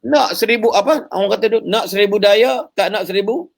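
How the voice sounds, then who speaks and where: A man giving a lively religious talk over a live call, joking in English and chanting recitations. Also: high-pitched, brisk, creaky. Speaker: preacher.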